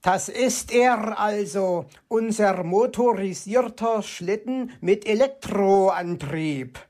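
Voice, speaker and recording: A reader voicing a proud, grumpy male raven craftsman who croaks between his slow, raised-pitch words in a storybook reading. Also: darkish tone, natural voice.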